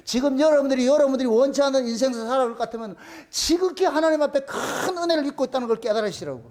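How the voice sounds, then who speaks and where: A middle-aged man, preaching a sermon as pastor, telling stories animatedly and dropping low to voice God's replies. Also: very fast, a little mellow.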